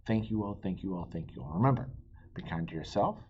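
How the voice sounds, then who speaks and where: This storybook reader and host speaks fast in a husky, very low female voice, reading a picture book to children and adding friendly asides as she addresses them directly and expressively. The lo-fi recording sounds dull, with a faint hiss underneath.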